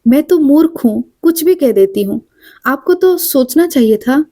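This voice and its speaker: A woman's voice: sits high, lively intonation, moderate pace, mellow, dry recording, clean studio sound, voice pushed up. A woman voicing a fretful, self-reproaching young woman in a storybook reading, her tone plaintive. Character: anxious self-blaming young woman on train.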